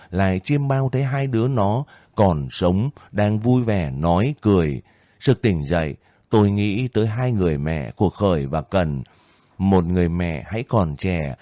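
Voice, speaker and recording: A man narrating a novel aloud at a steady, unhurried pace. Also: low voice, no room sound, studio quality. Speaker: audiobook narrator. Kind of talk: reading a war novel aloud.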